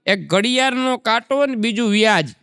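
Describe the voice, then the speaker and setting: A man's voice: extremely high pitch, lively intonation, moderate pace, in a large hall, a crowd in the background. A man, doing folk stand-up comedy and telling chatty anecdotes. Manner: chatty, anecdotal, recites verse. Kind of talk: Gujarati folk stand-up storytelling.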